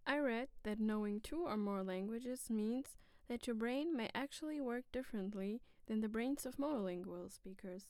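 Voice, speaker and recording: A woman from Germany co-presents a scripted educational discussion on bilingualism, explaining things in an articulate, formal way. Her voice is on the high side with a darkish tone, and the recording is dry.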